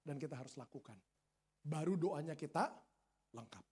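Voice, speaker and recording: Animated male pastor with slang. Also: fairly high pitch, moderate pace, husky. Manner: animated, humorous, colloquial, swings from loud peaks to quiet asides. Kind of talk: sermon. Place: church service.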